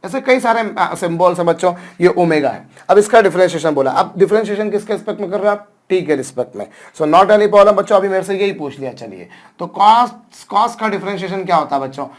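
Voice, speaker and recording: A man's voice: high voice, animated, a little fast, few pauses. A man teaching a lecture, who keeps asking his students questions and then answering them himself. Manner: addresses students repeatedly, asks and answers his own questions. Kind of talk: classroom lecture.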